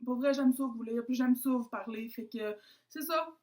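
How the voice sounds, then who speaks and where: A woman's voice: on the high side, moderate pace, dark tone. A young woman with a Québécois French accent, chatting casually to camera as a vlogger, self-mocking and dropping in English words.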